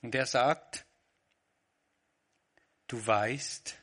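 Guy giving a sermon, bright voice, mid pitch, talks things through. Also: fairly even intonation, extremely slow. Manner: reflective, quotes dialogue with shifts in emphasis. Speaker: preacher.

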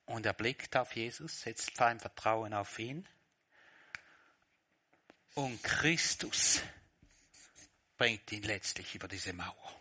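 A man preaching a sermon, swinging from quiet reflection to loud, dramatic retellings. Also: on the low side, takes it slowly, pauses often, breathy edge.

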